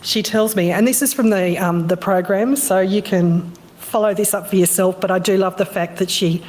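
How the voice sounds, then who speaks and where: A woman chairing a conference session and introducing speakers in a chatty way, a little hoarse as she is losing her voice. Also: medium pitch, normal speed, a little mellow. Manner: chatty, with fillers. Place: conference room.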